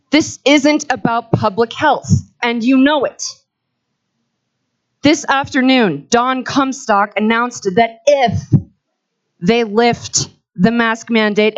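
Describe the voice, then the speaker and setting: A woman giving an angry, accusatory public comment at a school board meeting. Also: fairly high pitch. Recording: dull lo-fi livestream audio.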